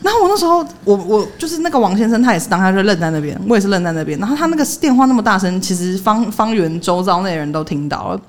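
A woman's voice: mid-range voice, rapid-fire, few pauses. A woman, co-hosting a podcast in casual chat and telling stories animatedly. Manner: animated storytelling, laughing, acting out quoted lines. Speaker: podcast co-host.

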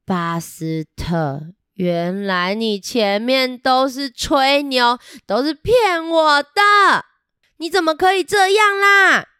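A woman's voice: sits high, big pitch swings, moderate pace, fairly bright tone, no echo, studio quality, voice pushed up. A woman voicing a brave, blunt young male rhinoceros beetle who presses with questions. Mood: reproachful.

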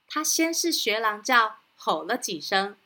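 A woman with a Taiwanese Mandarin accent hosting a children's story show, narrating in a gentle, sing-song way to young listeners. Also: a little high, very animated, measured pace, very noisy. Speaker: storytelling host.

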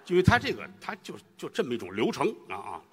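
A man leads a crosstalk routine at a fast clip, his pitch jumping all over as he bursts into sound effects. His voice is bright and fairly high, and it rings with a long hall reverb. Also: husky. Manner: rapid animated storytelling with sound effects and quick character switches. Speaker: lead crosstalk comedian.

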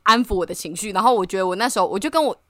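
A woman's voice: mid-range voice, racing, no echo, studio quality. A woman co-hosting a casual podcast chat over an online call, telling a story animatedly and laughing often. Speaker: podcast co-host. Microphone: remote online call.

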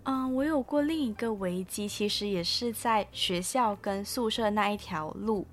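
A young woman co-hosting a casual podcast, explaining things at a measured pace with frequent fillers. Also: medium pitch, soft background music. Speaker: podcast co-host. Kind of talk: casual chat.

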